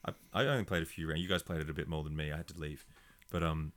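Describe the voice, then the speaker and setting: A man's voice: a bass voice, steady tone, racing, a bit bright. A man co-hosting a podcast, chipping into casual chat with short remarks. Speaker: podcast co-host.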